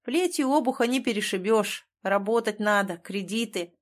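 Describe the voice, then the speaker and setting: A woman's voice: medium pitch, moderate pace, natural voice. A woman reading the lines of a cautious, defensive office worker nearing forty who grumbles and placates. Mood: grumbling.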